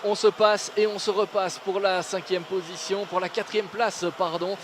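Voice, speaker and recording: A male motorsport commentator with a fairly high-pitched voice calls a live kart race. His phrasing is hesitant and stretched out as he goes. Outdoor engine noise is clearly audible behind him. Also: fairly even intonation, moderate pace.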